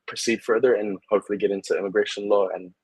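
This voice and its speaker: A young man, a licensed immigration adviser, answering questions in a relaxed online interview over a video call, with many fillers and restarts. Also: on the low side, very fast, slightly rough, no echo, poor audio. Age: young adult.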